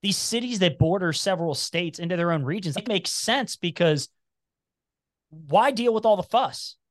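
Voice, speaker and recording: This man from Cincinnati, Ohio, has a high voice with a slight Appalachian twang and speaks at a moderate pace. As a podcast guest he chats casually, rambling and animated, restarting often. The studio-quality recording has no room sound.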